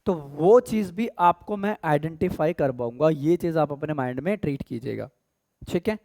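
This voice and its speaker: A man's voice: on the high side, a little mellow, no room sound. A man with an Indian accent teaching English grammar in a casual mix of Hindi and English. He calls his students "beta" and often checks "theek hai?". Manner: slows down to read English examples aloud.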